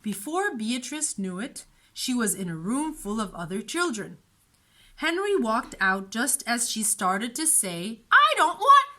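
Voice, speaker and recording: A woman with a fairly high voice narrates a children's storybook, reading in an expressive, deliberate way.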